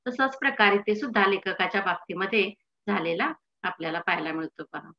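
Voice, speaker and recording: A woman's voice: medium pitch, fairly quick, muffled recording. A woman teacher explaining a textbook chapter to students in an explanatory manner, often prompting them to "see".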